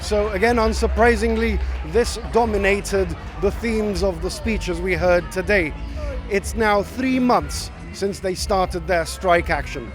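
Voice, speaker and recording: A male news reporter reads a scripted voice-over in a slow, high-pitched, measured way. Clear music plays underneath him. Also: crowd noise.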